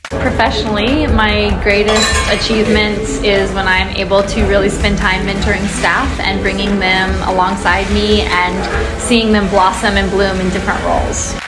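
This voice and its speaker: A woman's voice: medium pitch, level tone, moderate pace. Earnest woman in an echoey room. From United States. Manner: reflective and earnest, with frequent ums. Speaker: country director of a nonprofit. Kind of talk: interview answers to an unheard interviewer. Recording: roomy echo with loud music underneath.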